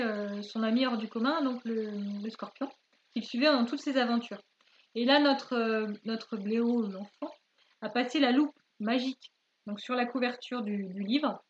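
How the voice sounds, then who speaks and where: A woman's voice: fairly high pitch, dull audio, a little hiss or hum. A woman co-hosting a live board-game stream, retelling the story casually with frequent hesitations. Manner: hesitant, many "euh" pauses. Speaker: co-host of a board-game channel.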